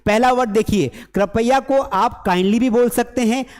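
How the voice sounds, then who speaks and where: A man teaching an online spoken English class, lively and teasing, who acts out his learners' mistakes. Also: extremely high pitch, normal speed, big-room sound.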